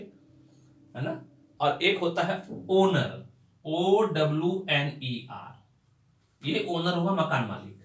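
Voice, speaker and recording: A man's voice: on the high side, fairly bright tone, echoey room. A man teaching English vocabulary and pronunciation, stretching out each new word and spelling words out letter by letter.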